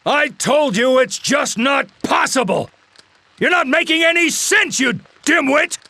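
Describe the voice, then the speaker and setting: An actor playing a gruff, hot-tempered old furniture-mill boss, shouting in a game. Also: male voice, very high-pitched, animated, measured pace, exaggerated voice. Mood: yelling angrily. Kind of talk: game voice acting.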